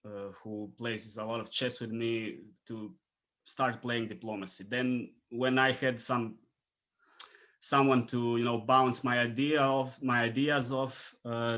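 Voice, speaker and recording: A man from Croatia, speaking English as a second language, chatting casually as a podcast guest with lots of fillers and soft trailing endings. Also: medium pitch. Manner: relaxed, many fillers, trailing off quietly. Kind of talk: casual interview chat.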